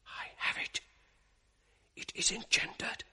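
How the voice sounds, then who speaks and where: Playing a sly, sardonic ensign plotting schemes in a 1980s radio drama, the actor speaks slowly in a whisper. The character mocks others and sinks into a hushed mutter while conspiring.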